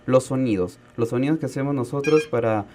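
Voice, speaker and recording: Man calmly explaining speech disorders. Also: medium pitch, a little fast, faint music behind. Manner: patient, explains with spoken examples. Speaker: speech therapy specialist guest. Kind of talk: explanatory radio talk.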